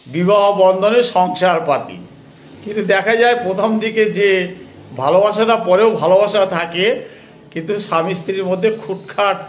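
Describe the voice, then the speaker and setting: Slow, high-voiced man reciting poetry. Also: reverberant. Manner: slow, measured, rhythmic verse delivery. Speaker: poet reciting his own poem. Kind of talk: poetry recitation with spoken introduction.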